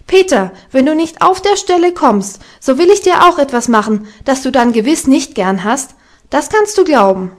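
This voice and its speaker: Woman putting on a high eager little alpine girl, storybook, bossy and lively. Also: normal speed. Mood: insistent. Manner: eager, bright and commanding.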